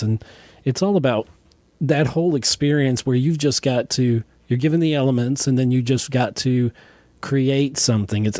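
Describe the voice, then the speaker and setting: A man hosting a radio interview, asking questions in a halting, friendly way with many fillers. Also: mid-range voice, mellow, no echo. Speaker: interview host.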